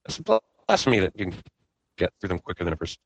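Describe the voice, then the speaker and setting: A man with a lowish voice chatting on a remote call while his audio breaks up and glitches. He talks casually in halting bursts. The sound is dry. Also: wildly swooping pitch, vocal fry, dry recording. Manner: halting, restarts words. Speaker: podcast co-host. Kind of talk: casual chat.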